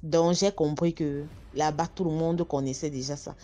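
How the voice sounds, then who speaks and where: A woman's voice: sits low, fairly even intonation, moderate pace. A woman telling her own story casually, speaking straight to her listeners and painting vivid pictures. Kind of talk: casual first-person storytelling.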